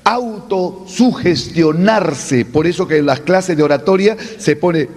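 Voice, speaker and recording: A man's voice: a little high, a little slow, darkish tone. A man teaching an oratory class, posing rhetorical questions and answering them with emphasis. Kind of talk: classroom lecture. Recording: long hall reverb.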